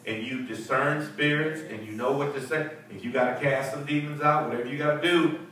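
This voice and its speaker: A middle-aged pastor teaches a Bible study to a seated group in a church fellowship hall, preaching emphatically, repeating words, and prompting responses. His voice is a little high, steady, fairly bright, and a little fast. Picked up from a distant camera despite his handheld mic, the audio is echoey with faint hiss.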